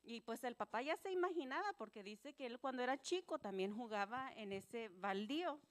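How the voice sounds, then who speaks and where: A woman telling a children's story in church, animated and gentle, acting out the voices with simple words for kids. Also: fairly high pitch, moderate pace.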